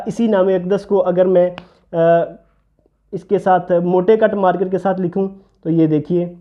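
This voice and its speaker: Patient male calligraphy teacher, dull sound. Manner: patient, explains while writing, drops low for "see this". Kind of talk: step-by-step handwriting lesson.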